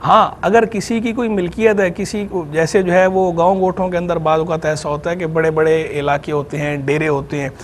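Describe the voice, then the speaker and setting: Brief: Pakistani male scholar, high-pitched, methodical TV explainer, faint studio hum. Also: fairly even intonation, brisk, few pauses. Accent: Pakistani Urdu. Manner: patient, methodical explaining of grammar terms. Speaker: Islamic scholar answering questions. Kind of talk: explanatory religious Q&A on TV.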